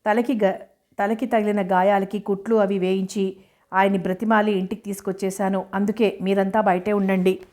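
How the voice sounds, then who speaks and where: A woman voicing a calm, practical father explaining events to his family. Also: mid-range voice, normal speed, close to an everyday voice. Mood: reassuring.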